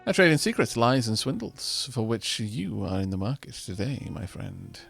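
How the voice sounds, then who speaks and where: A man voicing a sly, smooth-talking male swindler trader with an oily, conspiratorial delivery. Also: fairly low pitch, big pitch swings, moderate pace, fairly bright tone, faint music behind, full character voice.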